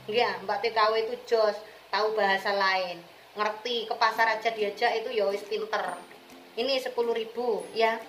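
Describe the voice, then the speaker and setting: An Indonesian woman with an East Javanese accent, a vlogger and returned migrant worker, chats to her viewers in a casual, slangy way, addressing them directly. Her voice is medium in pitch, steady, and at a normal speed. The recording has a roomy echo with music playing behind her.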